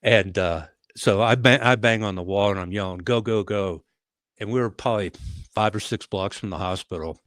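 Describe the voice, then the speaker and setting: Older man, low voice, dry close podcast sound, rambling storyteller with uh fillers. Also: fairly quick, dry recording. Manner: animated storyteller with frequent uh fillers and restarts. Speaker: retired police leader, podcast guest. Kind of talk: conversational storytelling.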